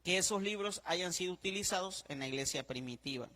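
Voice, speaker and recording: A man's voice: high voice, lively intonation, a little fast, bright, forceful tone, big-room sound. A man, a priest teaching a class, who repeats his points, spells words out letter by letter and keeps checking that the class follows. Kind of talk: classroom lecture.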